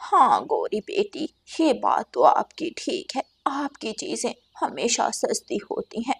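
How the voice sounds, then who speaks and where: A grumpy old grandmother sparrow, voiced by a woman in a cartoon, a thrifty, stubborn mother-in-law. She talks in a quieter, lower tone than the others and grumbles. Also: wildly swooping pitch, takes it slowly, vocal fry, husky, heavily acted. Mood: chatty. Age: older.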